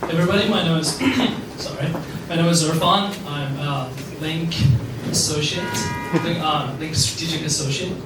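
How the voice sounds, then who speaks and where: A young adult man from Afghanistan, speaking as an alumnus at a networking event, has a fairly high voice, a moderate pace and hardly pauses at all. His talk rambles with many fillers, and it's recorded from a distance in an echoey room with background noise.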